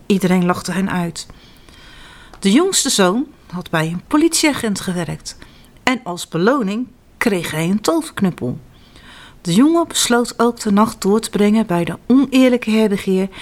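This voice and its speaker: A woman telling children's stories aloud in an animated, expressive way. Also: medium pitch. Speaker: storyteller.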